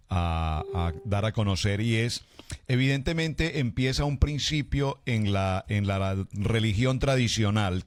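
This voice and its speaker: Formal pastor hosting a radio show. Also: male voice, lowish voice. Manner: formal, warm greeting style, slow deliberate questions.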